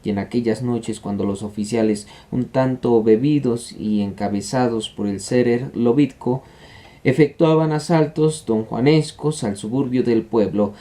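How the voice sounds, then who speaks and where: A man reads a classic short story aloud in a measured, storytelling way. His voice is dark and mellow, and his pitch sits at an average level. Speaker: audiobook reader. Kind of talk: literary audiobook narration.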